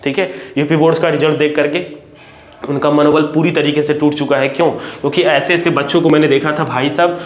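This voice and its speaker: Earnest teacher, echoey room. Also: male voice, fairly high pitch, steady tone, a little fast. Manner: earnest, repeats "theek hai" often. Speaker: coaching teacher. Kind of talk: direct-to-camera talk to parents and students.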